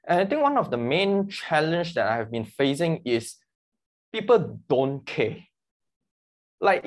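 A man speaking as a guest about his work as a mission mobilizer, earnest and explaining with analogies. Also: a little high. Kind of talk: conversational interview.

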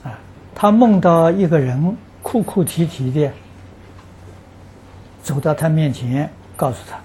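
A man, a Buddhist teacher answering practitioners' questions, giving an unhurried dharma talk. He speaks earnestly and fills his pauses with drawn-out "ah" sounds. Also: mid-range voice, darkish tone, a little hiss or hum. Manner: peppers speech with drawn-out "ah" fillers; earnest, stresses that the account is true.

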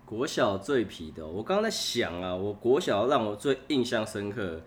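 A man's voice: on the low side, sing-song, moderate pace. A young man with a Taiwanese Mandarin accent, a podcast guest telling funny stories in casual chat and laughing often.

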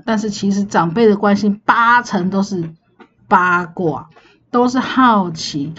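A woman's voice: mid-range voice, a little mellow. Young woman, Taiwanese Mandarin accent, podcast host, ranting, rhetorical, slightly muffled, faint hiss. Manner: exasperated, ranting, rhetorical questions. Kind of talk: casual solo venting monologue.

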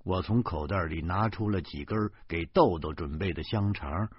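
A man narrating a novel in the first person, expressive storytelling with bursts of indignation, on a slightly dull lo-fi recording. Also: low-pitched, normal speed, breathy edge, no echo. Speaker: audiobook narrator.

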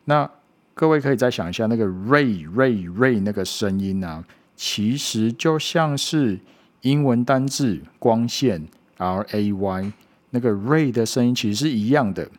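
A man teaching English pronunciation, patiently repeating words slowly to demonstrate. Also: medium pitch, animated. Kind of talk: online pronunciation lesson.

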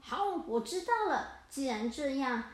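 A woman's voice: high-pitched, lively intonation, a little slow, echoey room. A woman voicing a greedy killer whale villain in a children's storybook, teasing and gloating as it threatens its prey.

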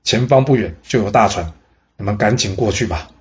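A man voicing a calm, friendly male boatman who speaks plainly. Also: on the low side, brisk, muffled recording, natural voice.

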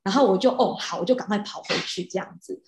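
A woman tells a personal story casually and with animation, often restarting her sentences. Her voice sits at a middle pitch. It rings with a roomy echo. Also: fast talker. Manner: animated, with frequent restarts and soft fillers. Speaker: hypnotist. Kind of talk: casual storytelling of a past-life regression.

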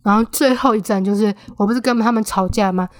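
Young Taiwanese woman podcaster, casual storyteller, mid-pitched, dead-dry close mic. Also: fast, no room sound. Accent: Taiwanese Mandarin. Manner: chatty, animated when quoting friends. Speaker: podcast host.

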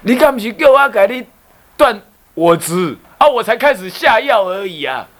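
A man voicing a sly old Buddhist abbot who asks questions with a hoarse voice, feigning innocence. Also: high voice, big pitch swings, moderate pace, fairly bright tone, voice pushed up. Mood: amused. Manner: knowing, mock-innocent questions.

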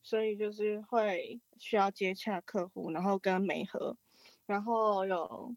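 A woman's voice: medium pitch, fairly even intonation, measured pace, dry recording. A woman who works at an agency, speaking as a guest in a hesitant way with many fillers. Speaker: agency worker, guest caller.

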